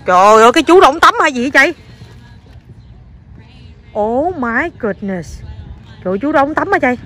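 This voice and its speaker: A woman's voice: sits high, animated, normal speed, a bit bright, faint music behind. A woman who is a mother, chatting casually to her viewers while filming her family outdoors by the water. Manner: chatty, talks to viewers and child in turns. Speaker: vlogger and mother. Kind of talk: casual family vlog chat.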